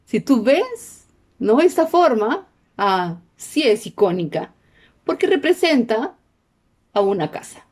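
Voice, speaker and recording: A woman teaches a class in an explanatory tone, her voice sitting somewhat high. Her pitch swings widely as she explains. She keeps pulling her listeners in with short questions. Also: sing-song, slow pace. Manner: peppers sentences with questions to the class. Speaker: sign language teacher.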